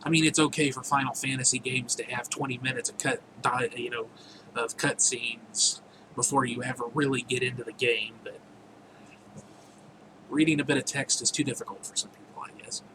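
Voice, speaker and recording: A man's voice: mid-range voice, steady tone, moderate pace. A man casually walking through his own game, rambling with jokey asides, over a noisy recording. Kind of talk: casual gameplay commentary.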